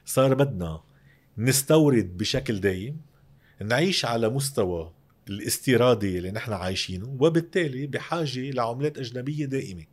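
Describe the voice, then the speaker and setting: Fast-talking Lebanese man explaining economics. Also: medium pitch. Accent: Lebanese Arabic. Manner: emphatic, uses rhetorical questions. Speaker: interview guest, economic commentator. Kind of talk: explanatory interview talk on economics.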